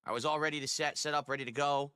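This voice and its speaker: A man hosting a livestreamed podcast, explaining things to viewers in a deliberate, emphatic way. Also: on the high side, steady tone, bright, forceful tone, smooth. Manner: deliberate, emphatic, checking in with "all right". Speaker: podcast host and streamer.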